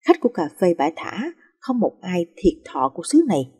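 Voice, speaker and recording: A woman narrating emotional life stories in a soft, feeling storytelling manner. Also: lowish voice, very animated, brisk, slightly rough.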